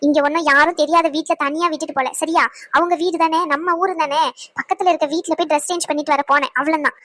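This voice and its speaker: A woman's voice: high-pitched, steady tone, fast talker, sharp tone, no echo. A woman voicing a defensive young woman friend in a cartoon, protesting and pleading. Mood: indignant. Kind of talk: cartoon voice acting.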